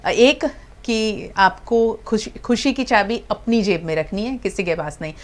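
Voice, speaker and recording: A woman's voice: medium pitch, unhurried. Woman news anchor wrapping up. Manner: encouraging, summarizing, brief affirmations. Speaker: news channel interviewer. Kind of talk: TV interview and sign-off.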